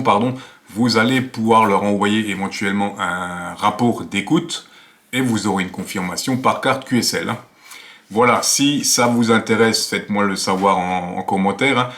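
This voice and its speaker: Speaking with a lowish, fairly bright voice, a man presents an amateur radio tutorial from his small attic home office. The explanation is casual and conversational, peppered with tag words.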